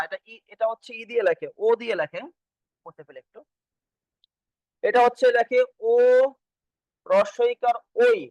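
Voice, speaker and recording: A man with a high voice leads an exam-prep grammar class. He keeps repeating points and poses questions that he answers himself. The recording is dry and close, with no room sound. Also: no echo, low-quality recording. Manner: repetitive, quizzing students and answering himself. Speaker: teacher.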